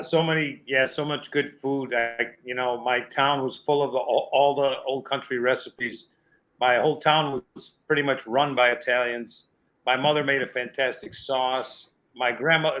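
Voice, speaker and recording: A man from New York reminiscing in a relaxed way on a podcast roundtable, with fillers and repeats. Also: mid-range voice, low-quality recording. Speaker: podcast guest. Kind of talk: casual roundtable chat.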